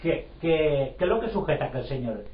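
A man's voice: a little high, lively intonation, normal speed. A man in a casual group discussion, arguing with rhetorical questions. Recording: roomy lo-fi recording.

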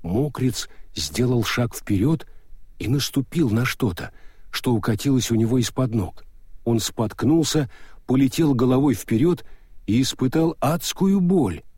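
Man narrating, slightly husky. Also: medium pitch, a little slow, a little mellow. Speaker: audiobook narrator. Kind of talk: scripted narration.

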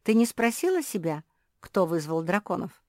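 A woman's voice: fairly low pitch, sing-song, moderate pace, mellow, no room sound, clean studio sound. A woman voicing a strict older sister dog who lectures in a reproachful, preachy way.

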